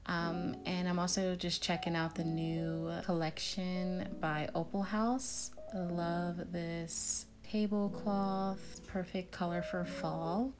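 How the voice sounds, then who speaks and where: A woman's voice: lowish voice, takes it slowly, hardly any pauses. A young woman casually narrating her shopping trip and event-decor vlog as a picnic planner, chatty and upbeat. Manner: chatty and upbeat, relaxed commentary with fillers.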